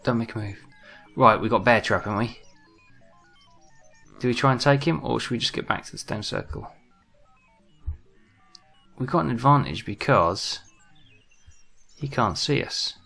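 A man's voice: medium pitch, expressive, moderate pace, gravelly, long pauses, pushed and bright, faint music behind. A young man giving chatty, jokey commentary while he plays a game and talks to his viewers. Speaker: gaming let's-play host. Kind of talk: casual gameplay commentary.

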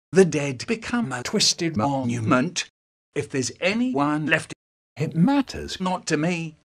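Guy voicing a brooding god-being, husky and slow, words spliced together so pitch and volume jump all over. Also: fairly bright tone, exaggerated voice. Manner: jumpy, uneven delivery from word to word. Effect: spliced together words from clips. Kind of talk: sentence-mixed monologue.

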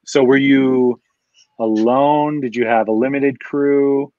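A man's voice: medium pitch, slow, no echo. Man hosting over a dull, dry call line. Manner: brief back-channel "mm-hmm"s, relaxed questions. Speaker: host. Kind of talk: casual interview chat.

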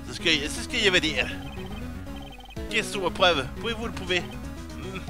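A man's voice: high-pitched, animated, normal speed, music in the background. A man reading a cold, domineering woman boss. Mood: scornful.

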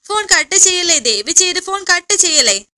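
Woman putting on a weepy young woman, pleading, high bright voice. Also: very animated, moderate pace, full character voice. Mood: pleading, tearful.

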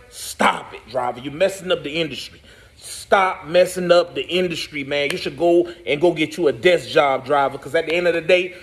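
An American man in his thirties speaks emphatically into a phone held at arm's length in his living room. His voice sits a little high for a man, and he keeps driving his point home with a repeated refrain. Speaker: owner-operator truck driver. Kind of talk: casual selfie video rant. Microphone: phone camera at arm's length.

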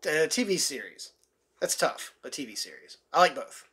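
A man's voice: fairly high pitch, sing-song, normal speed, sharp tone, slightly rough. A man answering would-you-rather questions at home with his wife, slipping in dry joking quips. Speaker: co-host, husband. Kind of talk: casual couple Q&A.

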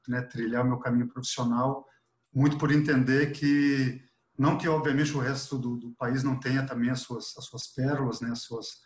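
A middle-aged man from Chile, a professor speaking unscripted and earnestly on a video call with a headset, dropping frequent fillers. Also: medium pitch. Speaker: professor, webinar panelist. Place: office with artwork behind. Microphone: earphone headset on a video call. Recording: echoey room on a video call.

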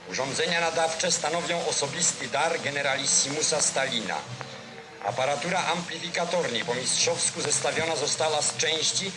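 A man's voice: a little high, rough recording. Man in 1940s newsreel narration. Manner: solemn, declamatory delivery.

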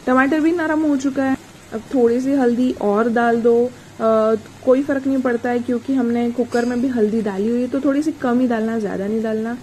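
Woman, slightly high voice, talking through a recipe at home; noisy kitchen with frying sounds. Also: fairly even intonation, fairly quick, a little mellow. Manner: chatty, explains each step while stirring. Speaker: cooking channel host. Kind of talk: casual cooking tutorial.

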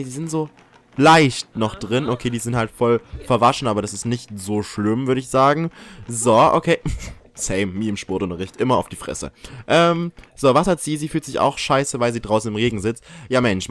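A man's voice: mid-range voice, no echo. A young man giving casual, joking commentary while playing a life-simulation game, often teasing the characters. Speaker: let's play host.

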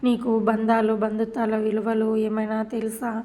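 A woman voicing a stern middle-aged man who shouts in anger while defending his wife. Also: a little high, completely flat delivery, moderate pace, close to an everyday voice. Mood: shouting, stern.

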